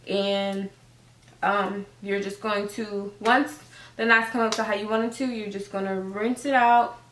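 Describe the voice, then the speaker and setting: A woman's voice: mid-range voice, level tone, a little slow, a bit bright, a little hiss or hum. Casual female vlogger, slangy and talkative, recorded on a distant camera in an echoey room. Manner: chatty, loose, lots of fillers and slang. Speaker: hair tutorial vlogger. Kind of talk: casual how-to vlog. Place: room at home. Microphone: camera set up at a distance. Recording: roomy, camera mic from a distance.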